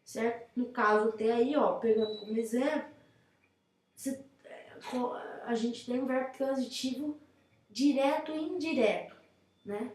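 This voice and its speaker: A young Brazilian woman teaches grammar in a chatty, casual way, and her voice sits a little high. She keeps checking in with her viewers as she explains. The recording carries a noticeable room echo. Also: measured pace, pauses often, a little mellow. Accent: Brazilian Portuguese. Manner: chatty, addresses viewers with frequent check-ins. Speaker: teacher presenting a grammar lesson. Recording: echoey room.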